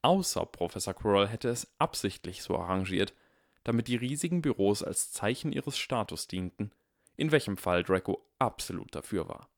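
A man giving a measured, expressive scripted narration of a story. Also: lowish voice, creaky, no room sound, clean studio sound. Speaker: audiobook narrator.

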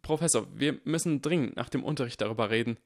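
A man voicing a frightened young boy who speaks quietly and hesitantly, raising his pitch. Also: fast talker, no echo, clean studio sound, lightly acted.

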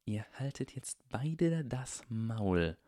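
A man's voice: fairly low pitch, expressive, normal speed, darkish tone, dry recording, studio quality, close to an everyday voice. A man voicing a haughty, stiff young wizard boy with a clipped, sneering manner.

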